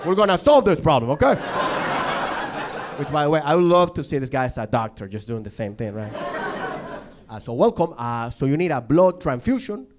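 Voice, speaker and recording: A man from Venezuela whose first language is Spanish, doing animated stand-up and acting out characters in a noisy club recording. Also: a little high, brisk, long pauses. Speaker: stand-up comedian. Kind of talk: stand-up comedy.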